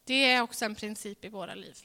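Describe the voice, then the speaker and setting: A woman preaching a sermon in a church, earnest, moving between ringing emphasis and hushed softness. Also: medium pitch. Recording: reverberant hall sound.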